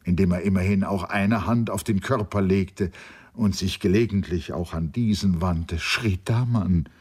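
A man reading a literary novel aloud in a measured, solemn way. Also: low voice, steady tone, a little mellow, slightly rough. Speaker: narrator. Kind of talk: literary audiobook narration.

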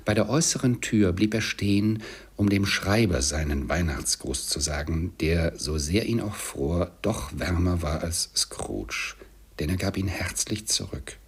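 A man narrating a classic story in a measured, steady audiobook reading. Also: low-pitched, husky. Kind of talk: scripted narration.

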